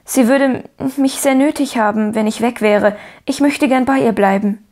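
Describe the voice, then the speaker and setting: Lady reading as a hopeful little girl in an audiobook, eager and pleading, up high. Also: fairly quick, natural voice. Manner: eager, pleading, bright and higher. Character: cheerful optimistic little orphan girl.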